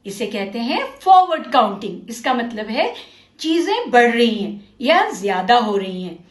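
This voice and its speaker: A woman teacher with an Indian accent, leading a children's literacy lesson and slowly drilling words for learners to repeat. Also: fairly high pitch, sing-song. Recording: echoey room.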